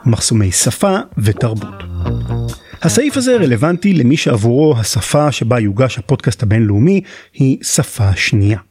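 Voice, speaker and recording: A man's voice: medium pitch, sing-song, a little mellow, slightly rough, soft background music. An Israeli-accented man from Israel narrates a scripted podcast as its host, in an explanatory, articulate way.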